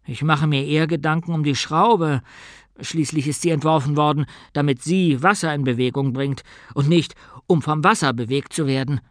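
A man's voice: on the high side, steady tone, moderate pace, fairly bright tone, no echo, studio quality, lightly acted. A man voicing a practical young male tinkerer who explains things patiently in an audiobook. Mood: thoughtful.

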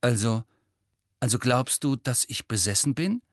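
A man's voice: medium pitch, expressive, unhurried, no room sound, clean studio sound, voice pushed up, close to an everyday voice. A man voicing a sullen, irritable teenage boy who answers stiffly and curtly. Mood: uneasy.

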